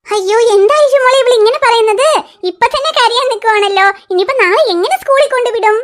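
A woman voicing a gentle aunt in a cartoon who patiently coaxes a child. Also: extremely high pitch, quick pace. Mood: coaxing. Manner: soothing, persuasive coaxing. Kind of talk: cartoon voice acting.

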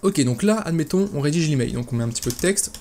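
A man calmly talking through a software tutorial step by step, with lots of fillers and restarts. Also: fairly high pitch, fast, slight background noise. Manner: relaxed, explains step by step with many fillers and restarts. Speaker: e-commerce tutorial host. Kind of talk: casual screen-recorded software tutorial.

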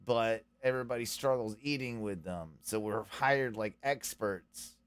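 A man's voice: lowish voice, unhurried, clear, resonant tone, dry recording. A man hosting a podcast, chatting loosely and with lots of swearing while he reacts to a clip. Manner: loose, profane, animated commentary. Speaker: podcast host. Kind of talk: casual chat reacting to a clip.

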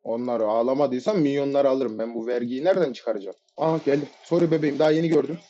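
A man giving live gameplay commentary, excitable and shouting at teammates and enemies in sudden bursts. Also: medium pitch, fast. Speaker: gamer playing a ranked match. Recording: dull lo-fi mic audio.

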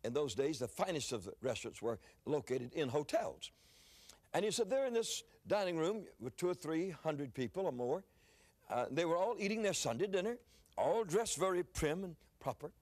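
A man's voice: fairly high pitch, darkish tone. An older man preaching, telling a story in a sermon, often repeating words as he starts a phrase.

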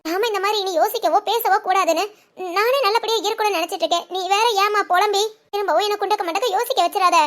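Young cartoon wife, pregnant and put-upon, woman voicing, very high, quick, earnest pleading. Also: a bit bright. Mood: anxious. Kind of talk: cartoon family drama phone call.

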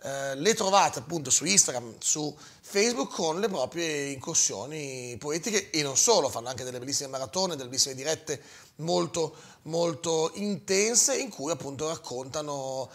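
A man's voice: a little high, expressive, normal speed, fairly bright tone. A man hosting a morning radio show, chatting casually and introducing guests. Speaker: radio host.

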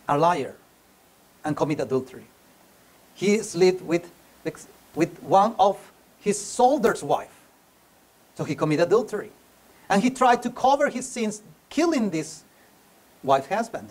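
Earnest man preaching a sermon. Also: high voice. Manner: earnest, repeats and restarts phrases, non-native grammar. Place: church hall.

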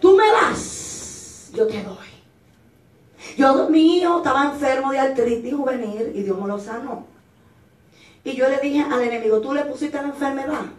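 A woman evangelist giving an impassioned Pentecostal sermon, rising to shouts at times and acting out the voices of others. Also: high voice, moderate pace, long pauses. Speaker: evangelist preacher. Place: church. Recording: echoey church hall, mic at a distance.

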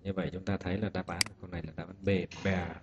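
A man teaching an exam-prep lesson, explaining every answer patiently and step by step. His voice sits on the low side and rings with a long hall echo. A steady hiss runs under the recording, and mouse clicks sound behind him. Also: very fast, muffled recording. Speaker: English teacher. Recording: echoey room with loud hiss.

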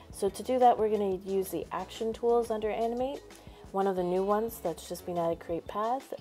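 A woman's voice: mid-range voice, mellow. A woman teacher narrating a screencast tutorial, explaining each step in an upbeat way. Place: voice-over over a screen recording.

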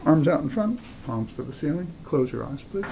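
An older male doctor in a hospital room gives a patient short exam commands and brief words of praise. His fairly high, gravelly voice is sing-song and brisk. The room recording sounds dull and lightly noisy.

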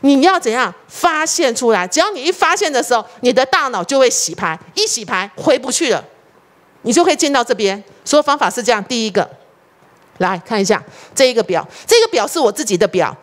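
A woman's voice: a little high, brisk. A middle-aged woman preacher, delivering a sermon and asking the congregation questions. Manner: animated, rhetorical questions to the congregation.

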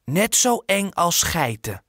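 A man's voice: sits high, sing-song, slow, fairly bright tone, no room sound, clean studio sound, voice pushed up, heavily acted. A man voicing a small, cautious boy in a children's audiobook. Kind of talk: audiobook character voice.

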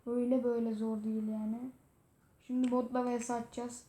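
A woman hosting a gaming video, commenting excitedly as she plays and talking to the game. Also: a little high, a little fast. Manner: excitable, talks to the game, frequent exclamations. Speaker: gaming channel host. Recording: roomy echo.

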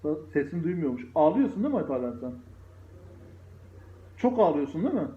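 A man's voice: on the high side, very animated, quick pace. A man with a Turkish accent, a father teasing his child at home in a playful, repetitive way. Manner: teasing, repetitive, sing-song. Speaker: father in a family vlog. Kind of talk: playful teasing family chat. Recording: echoey, dull home recording.

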